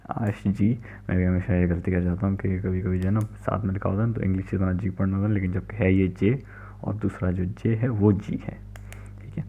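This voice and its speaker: A man's voice: low voice, creaky, slightly rough. A man giving a recorded language lecture, explaining patiently and checking in often. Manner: explains patiently, repeats "theek hai" often. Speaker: language teacher. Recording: tinny phone-like recording.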